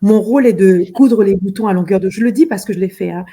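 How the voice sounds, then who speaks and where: Speaking fast in an interview, a middle-aged fashion designer from Benin comes across as earnest, repeating words frequently as she looks for them. Her medium-pitched voice has a warm tone, and there's a little hiss or hum on the recording.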